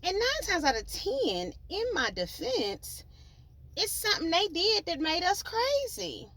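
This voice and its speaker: A woman hosting her own podcast, telling a life story in a chatty, slangy, animated way, with sons at home. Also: very high voice, unhurried, gravelly. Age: adult, with children. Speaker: podcast host. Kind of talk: storytelling monologue.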